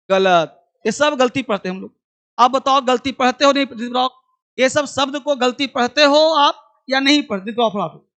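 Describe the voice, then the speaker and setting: Running an online English pronunciation class, this man speaks in a very high, somewhat bright voice. He goes over each point again and again, tests his students, and affectionately addresses them as child.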